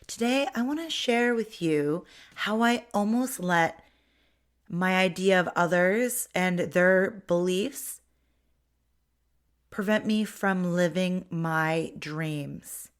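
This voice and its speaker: A middle-aged woman from Ontario, Canada hosts her own podcast, delivering a chatty, reflective monologue full of restarts. Her voice is on the low side, smooth, and slow.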